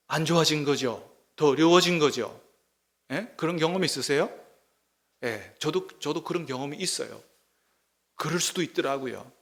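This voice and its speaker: A male pastor delivers a sermon in a church sanctuary, his voice sitting a little high for a man. He alternates between reading scripture aloud and turning to the congregation with direct rhetorical questions. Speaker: senior pastor. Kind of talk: sermon at a weekday prayer meeting.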